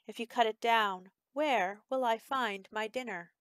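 A woman's voice: fairly high pitch, measured pace, a bit bright, smooth, no echo, clean studio sound. Growling jaguar, as a woman reads it. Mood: menacing. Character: growling male jaguar, a hunter.

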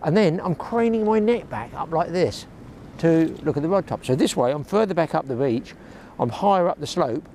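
An Englishman in his sixties, a fishing vlogger, chats casually to an action camera held close on an open shingle beach, rambling and grumbling with dry humour. His voice is a little high with a dark tone and lively intonation, and he speaks at normal speed. Outdoor beach noise sounds behind him.

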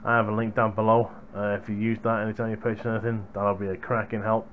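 A young man, working as a hardware reviewer, chats casually with viewers in a vlog recorded on a gaming headset's boom mic in a small room at home. His voice sits on the low side with little pitch movement, and he talks fast over slight background noise.

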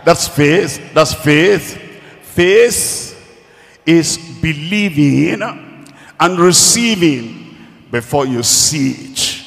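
A man delivers a sermon as pastor, with a slightly high voice and unhurried, emphatic phrasing. He leads call-and-response and repeats key lines. His voice rings out with a long reverb, as if in a large church hall. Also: animated, gravelly.

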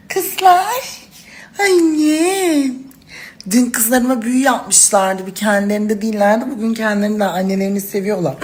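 A woman's voice: mid-range voice, slight background noise. A woman talking to her followers in casual phone story clips, dramatic and gushing, calling them princesses and girls. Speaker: social media personality.

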